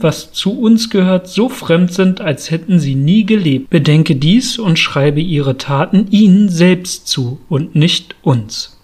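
A man's voice: a little high, darkish tone. Read-aloud stern male spirit, reproachful and declaiming, voiced by a man reading. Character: stern male Christmas spirit rebuking a miser.

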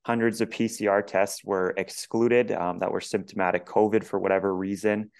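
Low gravelly man with a tiring voice. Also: little pitch movement. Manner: measured, many "um" fillers, builds a long question. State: voice going hoarse. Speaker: podcast co-host. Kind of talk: conversational interview.

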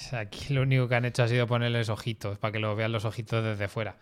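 A man's voice: medium pitch, little pitch movement, a little fast, clear, resonant tone. A man with an accent from Spain chatting on a podcast, explaining opinions colloquially and repeating words as they go. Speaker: podcast panelist. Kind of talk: casual chat.

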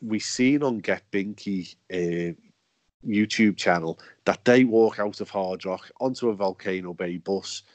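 A man with a fairly low voice hosts a podcast at a measured pace, chatting casually, joking and laughing often. The recording is dry.

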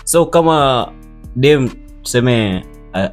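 Brief: male Kenyan panelist, young adult, medium pitch, halting casual code-switched talk over guitar music. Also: lively intonation.

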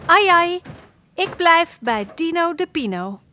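A woman voicing a small, eager boy in a children's audio story, talking gently and hopefully. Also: very high voice, sing-song, slow, slight background noise, pitched above the performer's own voice, exaggerated voice. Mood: earnest. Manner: gentle, hopeful, whispers softly at times.

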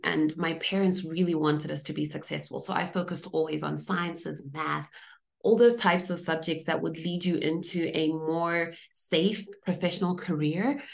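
Speaking low with vocal fry, a Zimbabwean woman describes her work as an executive coach during a podcast interview. She is articulate and sets out her ideas in list form.

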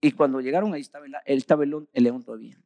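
A man preaching a sermon, retelling a story with frequent calls of "hermano" and sudden swings from loud bursts to quiet drops. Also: medium pitch, rapid-fire, dry recording.

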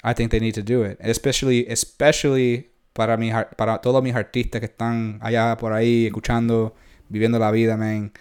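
A man's voice: mid-range voice, flat delivery, moderate pace, darkish tone, clear, resonant tone. A man with a Puerto Rican Spanish accent, co-hosting a casual podcast chat in a laid-back, slangy way and dropping in English phrases. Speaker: podcast co-host.

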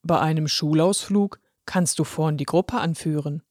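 A woman voicing a kindly male ticket inspector, a pen with a moustache, in a low put-on storybook voice that is gruff but encouraging. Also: measured pace, a little mellow, dry recording, studio quality. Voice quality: deep put-on voice. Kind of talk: storybook reading.

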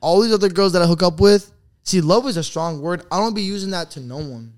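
A man's voice: high-pitched, fast, a little mellow. A young man talking in slangy, boastful frat-bro style in casual podcast banter. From Brazil. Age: young adult.

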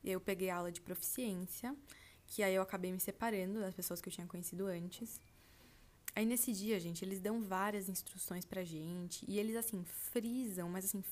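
Her voice medium in pitch and darkish in tone, a young Brazilian woman about to turn 20 tells her podcast audience about a trip she took. It's a chatty, filler-heavy ramble, full of "tipo assim," with listeners addressed as "gente."

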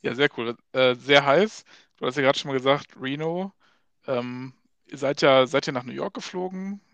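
A young man hosting a casual podcast chat, asking relaxed questions with many fillers. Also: medium pitch, moderate pace, gravelly, clear, resonant tone, no echo, highs cut off. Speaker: podcast host.

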